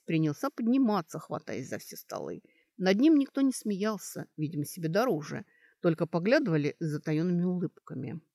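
A woman reads a story aloud with a low, expressive voice that moves freely up and down. Her storytelling is lively, and the recording is close and dry with no room sound. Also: dry recording. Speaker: audiobook narrator. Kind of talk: scripted narration.

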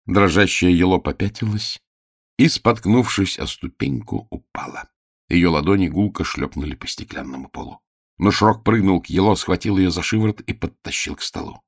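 A male storyteller with a low, gravelly voice reading a children's tale aloud. His reading is dramatic, and his pitch rises and falls a lot. The recording is close and dry. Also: animated, normal speed, no echo. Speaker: audiobook narrator. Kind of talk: expressive storybook narration.

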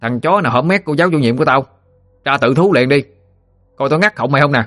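A man's voice: medium pitch, animated, quick pace, fairly bright tone, voice pushed up, lightly acted. A brash village bully boy from a spoken ghost story, put on by a male narrator. He taunts and swaggers. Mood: taunting.

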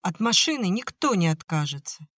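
A woman's voice: very animated, normal speed, a bit bright, dry recording, studio quality. Woman putting on a sobbing defiant young girl. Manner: tearful, pleading, high-strung.

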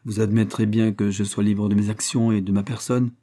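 A male narrator speaks as a proud young heiress with a firm, cool resolve. His voice stays mellow and fairly low even as he lifts it a little for her. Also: fairly quick, close to an everyday voice. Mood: resolute. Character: proud, strong-willed young heiress, woman.

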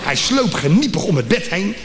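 A man's voice: high voice, big pitch swings, normal speed. A man from The Hague telling a comic story on stage and acting out the voices of the people in it. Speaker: comedian. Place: theatre stage. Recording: live theatre recording with hall reverb, audience laughter and noise.

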